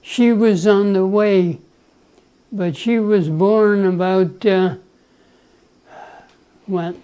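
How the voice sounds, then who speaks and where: Slow, mellow-voiced man in his nineties. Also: high-pitched, fairly even intonation, clear, resonant tone, low-quality recording. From El Salvador. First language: Spanish. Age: 90s. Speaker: grandfather being interviewed. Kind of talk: relaxed life-story interview.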